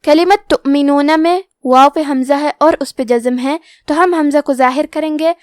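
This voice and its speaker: A woman teaching Quran recitation rules in a calm, methodical way, then chanting the verses slowly and drawn out. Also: high voice, dry recording, studio quality.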